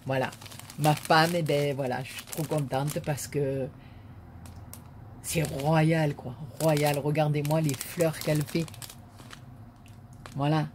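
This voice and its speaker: A woman's voice: low-pitched, flat delivery, slow, long pauses, darkish tone, a little hiss or hum. A woman vlogger chatting casually to viewers as she unboxes a parcel, gushing and repeating her words of praise with many fillers.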